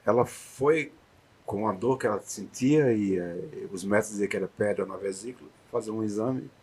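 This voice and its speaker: A man appearing as an interview guest tells an emotional personal story from the heart, at times hushed and at times loud and encouraging. His voice is fairly low with a breathy edge, at normal speed.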